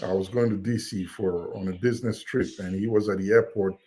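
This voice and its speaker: Speaking a little fast in a fairly low, dark voice with a steady tone, a panel participant from Nigeria talks through his opinions in a casual discussion held in the United States. He has a Nigerian accent and often uses fillers and restarts himself.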